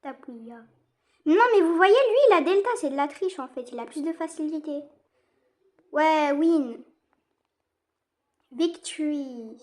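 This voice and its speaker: A young woman from France giving casual, excitable commentary while she plays a game online, repeating herself and using slang. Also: high voice, moderate pace. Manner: slangy teen talk. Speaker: gaming streamer.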